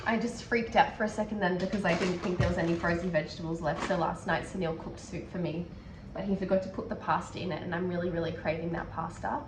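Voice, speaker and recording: A woman's voice: on the low side, fairly even intonation, quick pace, music in the background. A young Australian woman who is sick and losing her voice, chatting casually with lots of fillers as she vlogs from her home kitchen on a clip-on mic. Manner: rambling, with many fillers. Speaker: vlogger. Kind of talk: casual chat. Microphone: wireless clip-on mic. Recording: noisy home recording.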